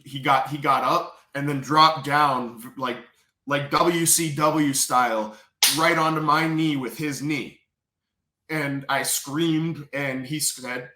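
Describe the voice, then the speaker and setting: A man speaking in an earnest, intense storytelling manner. His voice is bright and forceful, and the room around him rings with echo. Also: mid-range voice. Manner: earnest, intense retelling with repeated phrases. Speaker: memoir author telling his prison story. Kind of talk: personal storytelling.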